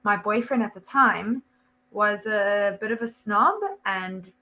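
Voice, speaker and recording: The recording is muffled as a young South African woman, working as an online English tutor, chats loosely with her student over a video call. She speaks slowly at a medium pitch, laughing frequently and saying um and like a lot.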